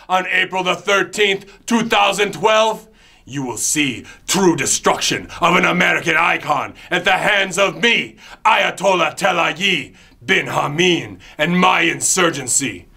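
Man doing a fanatical wrestling villain, high, bright, bellowed threats, ranting promo. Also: vocal fry, full character voice. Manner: bellowing, spitting threats, drawn-out chants.

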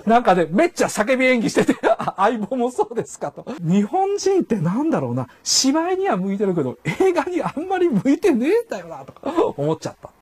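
A man's voice: high-pitched, a little mellow, breathy edge. An older man giving a casual spoken critique as a commentator. He acts out quoted dialogue in raised voices and chuckles as he talks. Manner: chuckles while talking.

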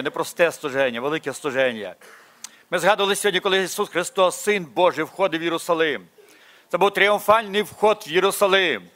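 A man's voice: sits high, bright, forceful tone. A man with a Ukrainian accent preaching a Sunday sermon to his congregation, fervent, full of rhetorical questions. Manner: preaching with rising fervor, repetitive rhetorical questions. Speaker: pastor.

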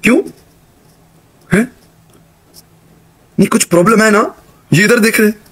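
A man's voice: sits high, a bit bright. Muttering middle-aged man live-streaming. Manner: rambling, muttering to himself while fiddling with cables. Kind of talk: casual live-stream chatter.

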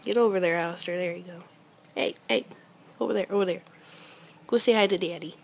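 A woman's voice: fairly low pitch, fairly quick, gravelly, slight background noise. A woman filming her family at home, talking in a cooing, coaxing baby-talk voice in a bedroom, recorded on a handheld camera. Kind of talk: casual home video.

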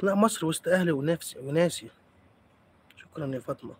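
A man's voice: a little high, fast talker, a little mellow, breathy edge. A man with an Egyptian accent hosting a live stream, chatting playfully with viewers and teasing them as he answers comments. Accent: Egyptian Arabic.

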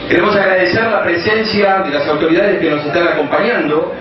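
A man with an Argentine accent giving a formal opening speech at an outdoor livestock expo, speaking slowly in measured phrases. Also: high-pitched, music in the background. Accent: Argentine Spanish. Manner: measured, slow phrase-by-phrase delivery. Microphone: loudspeaker PA picked up by a distant camera. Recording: echoey loudspeaker sound from far off, dull, crowd noise.

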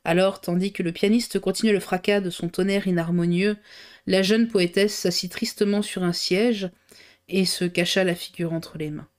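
A woman's voice: on the low side, fairly even intonation, moderate pace. A woman reading a classic novel aloud on a livestream, narrating steadily and correcting herself now and then. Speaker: reader.

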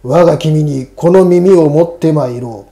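Gruff, commanding samurai ghost for a horror storybook, acted by a male narrator, dark booming tone. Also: measured pace. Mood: grim resolve. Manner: rough, commanding, archaic speech.

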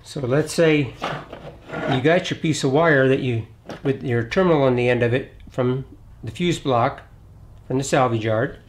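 A man's voice: medium pitch, a little slow, a little hiss or hum. Easygoing man walking through a repair. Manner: relaxed, plainspoken, thinks aloud while working. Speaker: DIY auto repair channel host. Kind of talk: hands-on repair tutorial.

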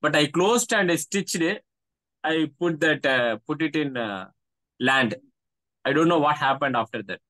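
Interview guest, man with Tamil accent, slightly high voice, hesitant delivery, video-call sound. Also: lively intonation, fairly bright tone, dry recording. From Tamil Nadu, India. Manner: halting, searching for words. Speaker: guest, career counsellor. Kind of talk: interview answers, anecdotes. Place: small indoor room, video call.

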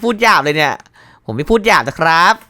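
Excitable man yelping through a game. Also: a little high, fast, noisy background. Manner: excitable, yelps and shouts at scares; jokey, reads game text aloud with wry asides. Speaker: gaming YouTuber. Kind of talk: casual let's-play commentary.

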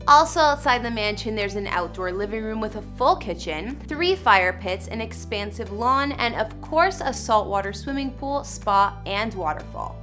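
A young woman narrates in a chatty, scripted voice-over, tossing in sarcastic asides as she goes. Her voice sits a little high, and soft music plays under her. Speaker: celebrity gossip host.

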